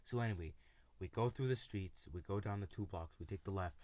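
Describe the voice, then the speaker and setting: A man telling a personal story in a casual, halting way, with many fillers and restarts. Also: deep voice, a little mellow, dry recording. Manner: retells friends' lines in his own voice.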